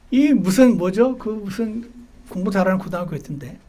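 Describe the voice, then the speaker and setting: A man with a notably high voice preaches a sermon, talking to the congregation like a conversation partner. He slips into playful acted-out voices for people he quotes, keeping a light humor running through the message. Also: a little mellow. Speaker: pastor. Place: church service.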